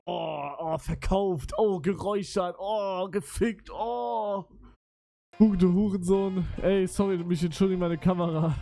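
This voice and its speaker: Young male streamer, high-pitched, mocking and swearing, faint music behind. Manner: mocking, swears a lot, swings from mumbling to loud outbursts. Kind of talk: casual live-stream reading of chat appeals.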